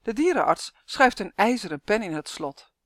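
Lively woman reading a children's story. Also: mid-range voice, moderate pace, dry recording, clean studio sound. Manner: lively, voices the characters.

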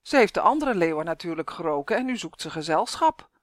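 A woman's voice: lowish voice, sing-song, brisk, no echo. A woman voicing a scheming male professor who coaxes and trembles with fear in a children's story. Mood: coaxing. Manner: coaxing, anxious.

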